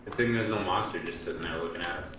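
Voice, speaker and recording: A man's voice: low-pitched, quick pace. A man in casual gaming chat, nervous and exclaiming as a scared horror game player. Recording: echoey, distant in-game voice chat with noise.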